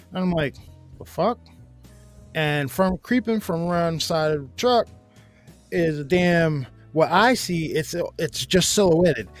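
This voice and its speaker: Guy cussing his way thru a scary story, jumps up into high yelps, bit of music behind. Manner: animated, profane, jumps to loud high yelps when acting out his fright. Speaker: podcast host. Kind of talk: casual storytelling.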